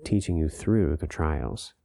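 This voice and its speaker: A man's voice: very deep voice, animated, measured pace, gravelly, dark tone, no room sound, studio quality. A man co-hosting a podcast, teaching from scripture and asking rhetorical questions. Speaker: podcast co-host. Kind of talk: bible teaching discussion.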